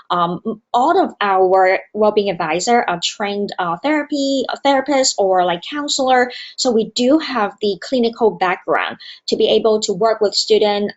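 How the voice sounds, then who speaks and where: A woman with a medium-pitched voice from Hong Kong, a university student wellbeing director, gives a conference presentation over a remote video call. Her speech is earnest but full of fillers and hesitations, and the call audio sounds dull.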